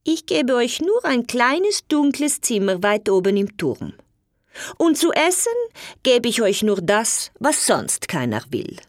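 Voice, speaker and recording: A woman voicing Alina, a cruel and haughty young wife, with a spiteful, scornful tone pitched high. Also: sing-song, a little slow, no room sound, clean studio sound, heavily acted.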